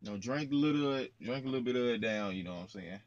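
A man's voice: medium pitch, animated, fast, highs cut off, a little hiss or hum. A young man in his twenties, a trucker vlogging in slangy, playful casual chat, talking straight to his viewers from his truck cab into a close phone camera. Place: parked truck cab, indoors, small.

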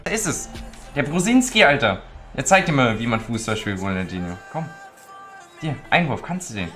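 A man's voice: mid-range voice, big pitch swings, moderate pace, fairly bright tone, faint music behind. A man streaming a football video game who mocks his opponent and laughs. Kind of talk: live gameplay commentary.

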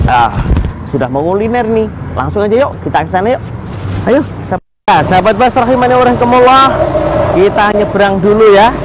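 A man, hosting a culinary vlog and greeting viewers with religious phrases. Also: sits high. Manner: lively, religious greetings, chatty with vendors. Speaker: culinary show host. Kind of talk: presenting to camera. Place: street outside a mosque, then small food court indoors. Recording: noisy street and shop background.

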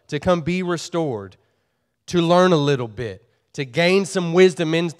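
Slow folksy preaching man. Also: fairly high pitch. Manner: earnest, repeats words and restarts phrases; folksy phrasing. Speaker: pastor. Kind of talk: sermon.

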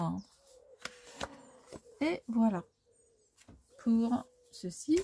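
A woman talking through a craft supply haul in a casual, hesitant way, pausing often on fillers and correcting herself. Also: lowish voice, dark tone, slight background noise. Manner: hesitant, full of "euh" fillers; self-correcting as she goes. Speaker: scrapbooking vlogger. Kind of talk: casual show-and-tell haul.

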